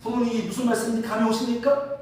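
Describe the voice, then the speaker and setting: High-voiced pastor in an echoey church. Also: male voice, rapid-fire, a little hiss or hum. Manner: animated, rhetorical questions to the congregation. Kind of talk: sermon. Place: church sanctuary. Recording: very echoey hall from a distance.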